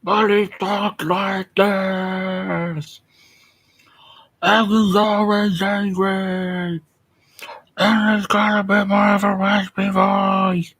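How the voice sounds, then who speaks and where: A man doing a raspy, angry Strong Bad. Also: little pitch movement, very slow, full character voice. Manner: angry, shouty delivery held back to a low volume. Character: angry raspy cartoon tough guy, male.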